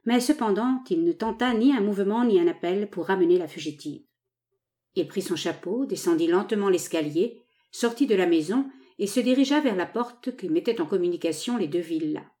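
Mellow-voiced woman narrating a novel. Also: medium pitch, lively intonation, normal speed. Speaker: audiobook narrator.

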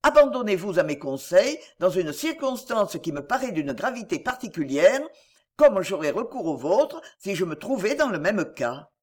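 A woman narrator voicing a noble duke, warm yet commanding. He talks emphatically and presses his points with earnest insistence, in a lively storybook reading. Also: mid-range voice, moderate pace. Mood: insistent. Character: noble, warm but commanding duke, middle-aged man.

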